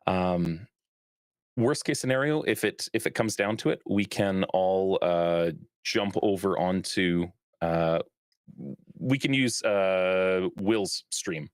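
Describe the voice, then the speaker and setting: A man with a fairly low voice runs a streamed tabletop game as dungeon master. His sound is dry and close, with no room around it. He talks in a relaxed way, full of fillers and easy laughs. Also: slow, clean tone, no echo.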